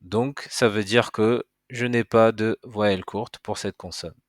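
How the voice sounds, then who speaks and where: A man teaches at a relaxed pace and walks the learner through each step. His voice sits fairly low. The sound is dry and close, with no room echo. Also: measured pace. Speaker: Arabic teacher. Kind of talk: casual spoken lesson.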